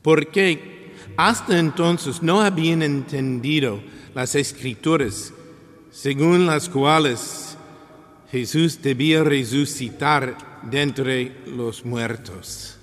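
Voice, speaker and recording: A man reading scripture as a priest, in a solemn, measured and deliberate liturgical manner with pauses. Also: medium pitch. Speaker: priest reading the Gospel at Mass. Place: large reverberant church. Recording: long church-like reverberation.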